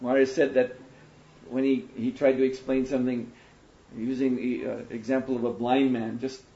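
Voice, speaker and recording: A man giving a sermon to an audience, telling stories in an animated way, now and then laughing. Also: mid-range voice, moderate pace. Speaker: monk lecturer. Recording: dull roomy lecture recording.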